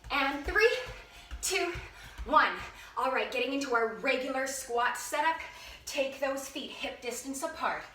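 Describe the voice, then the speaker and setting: A woman's voice: high-pitched, lively intonation, a little slow, sharp tone. Upbeat female fitness instructor, breathless mid-workout, recorded at a distance in an echoey room. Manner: upbeat, encouraging, panting between cues. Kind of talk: workout instruction, counting reps. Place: room at home.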